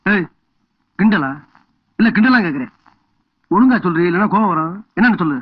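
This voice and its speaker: A man's voice: high voice, animated, brisk, background noise. A blustering village headman. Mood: irritated. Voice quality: blustering, indignant. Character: boastful, hot-tempered village headman husband. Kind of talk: film comedy acting. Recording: dull lo-fi film soundtrack.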